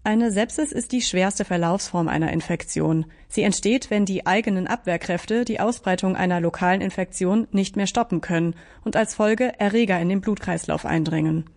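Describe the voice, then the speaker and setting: A woman reporter reading a scripted radio news report in a calm, measured way. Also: medium pitch.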